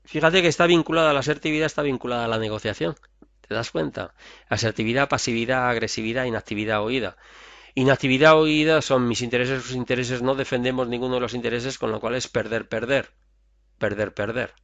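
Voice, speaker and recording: Man, therapy course lecture, gravelly voice, slightly muffled dry sound. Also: mid-range voice, a bit bright, no room sound. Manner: conversational, acts out little example dialogues. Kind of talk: recorded lecture over slides.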